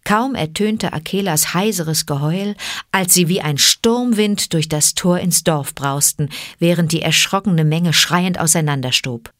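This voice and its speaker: A woman reading a classic storybook aloud with even, clear narration. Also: fairly low pitch, a little slow, no room sound, clean studio sound. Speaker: audiobook reader.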